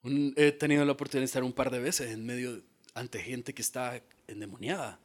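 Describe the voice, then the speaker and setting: A male pastor preaching a sermon in a dramatic style, dropping to a hush and then rising to shouts. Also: medium pitch, steady tone, brisk. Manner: dramatic, acts out quoted voices, swings from hushed to shouted.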